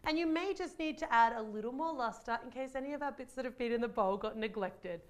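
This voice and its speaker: A woman's voice: on the high side, fast talker. A woman hosting a baking channel, giving bubbly, chatty step-by-step instructions in her kitchen. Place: home kitchen.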